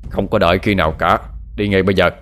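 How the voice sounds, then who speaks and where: A man voicing a brutish henchman who talks rough and contemptuous. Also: low voice, steady tone, fast, fairly bright tone, soft background music. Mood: bullying. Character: brutish bullying male henchman.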